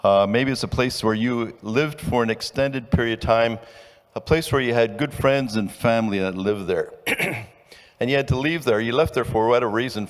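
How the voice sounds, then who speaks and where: An older man, raised in Ecuador, giving a conversational sermon as a pastor and telling personal stories with halting restarts. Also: mid-range voice. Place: church sanctuary. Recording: long hall reverb.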